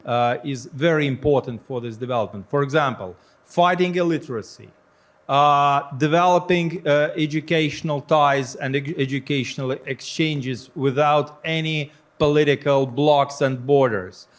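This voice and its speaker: A man answering as a panelist, listing his points deliberately between fillers. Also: a little high, fairly even intonation.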